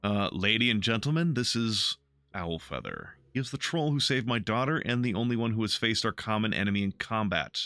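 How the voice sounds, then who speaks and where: A man voicing a cold, stern aristocratic father in a video game, speaking slowly in a low, clipped tone. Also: animated, bright, forceful tone, clean tone, no room sound. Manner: slow, clipped and icy.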